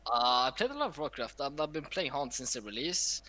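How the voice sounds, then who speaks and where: Bright, opinionated man chatting. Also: mid-range voice, sing-song. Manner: opinionated, loose, drawn-out phrasing. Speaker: talk show panelist. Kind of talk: casual chat.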